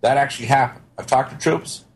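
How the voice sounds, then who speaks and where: A man's voice: medium pitch, a little fast. An older man delivering a paranoid, conspiracy-minded rant as a talk show guest, emphatic and certain as he lectures at length. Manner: paranoid, ranting. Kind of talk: long conspiracy-minded monologue. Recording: clearly noisy background.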